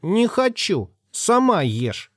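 A man's voice: high-pitched, huge pitch swings, takes it slowly, no echo, studio quality, pitched above the performer's own voice, heavily acted. A whiny spoiled little boy. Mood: whiny, cheeky. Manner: whiny, sugary thin voice.

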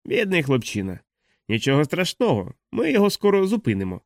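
A man voicing a gruff, bearded undead uncle who talks in a cold, mocking, menacing way. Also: a little high, wildly swooping pitch, brisk, no echo, studio quality, voice pushed up.

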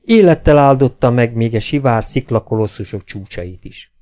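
A man narrating an adventure novel as an audiobook, in a measured, dramatic reading. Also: medium pitch, expressive, warm tone. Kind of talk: scripted narration.

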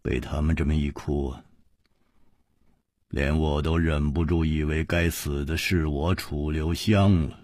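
A man voicing a calm, wry male hero who speaks low and restrained. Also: fairly quick, few pauses, no echo, clean studio sound.

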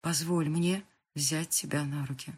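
A reader voicing a desperate, grieving young man who speaks low and pleading. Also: steady tone, a little slow, husky. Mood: tender, pleading.

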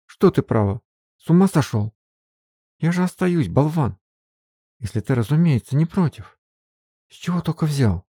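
A man's voice: expressive, moderate pace, long pauses, warm tone, slightly rough, dry recording, clean studio sound. A man reading an audiobook, voicing a tender but scolding young woman by raising his voice. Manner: voice raised to a higher register for the woman.

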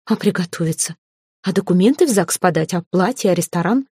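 A woman reading an audiobook, voicing an excited, bossy middle-aged mother who speaks in loud exclamations. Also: on the low side, brisk, breathy edge, no room sound, clean studio sound. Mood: flustered.

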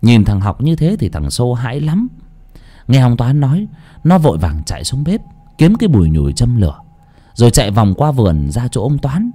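A male storyteller reads a ghost story in a dark, mellow voice. His reading is expressive and dramatic, with a lively, swinging pitch. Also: normal speed. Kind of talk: scripted audiobook narration of a ghost story.

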